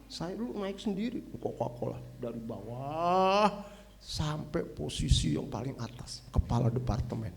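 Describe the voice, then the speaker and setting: A middle-aged man preaching at a church service, lively and conversational, with casual asides and repeated phrases. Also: a little high, a little slow, vocal fry, slight background noise. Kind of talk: sermon.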